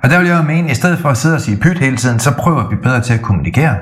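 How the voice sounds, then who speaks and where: A middle-aged man co-hosting a podcast, talking in a casual, animated way that often stumbles and restarts. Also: medium pitch. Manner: animated storytelling with frequent restarts. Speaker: podcast co-host. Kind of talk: casual chat.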